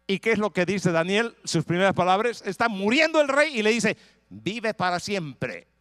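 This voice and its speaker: A man preaching a sermon as pastor, retelling a scripture story in a lively way with frequent rhetorical questions. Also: sits high, brisk, clean tone, no room sound. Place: church in Texas.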